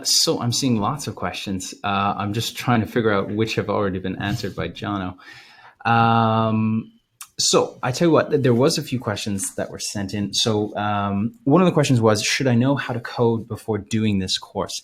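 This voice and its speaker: A man presenting a live webinar, talking casually with many fillers and restarts, his voice a little hoarse. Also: on the low side. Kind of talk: live webinar sales pitch.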